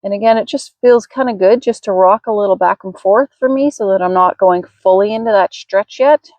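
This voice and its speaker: Female yoga teacher, careful and unhurried, mid-pitched voice, guiding gentle movement in a dry recording. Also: dry recording, muffled recording. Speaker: yoga instructor. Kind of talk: guided slow gentle yoga class.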